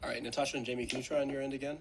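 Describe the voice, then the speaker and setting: A man hosting a recital on a video call, his audio caught in a loop that repeats the same chunk over and over, calling people up briskly. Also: medium pitch, level tone, music in the background. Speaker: recital host.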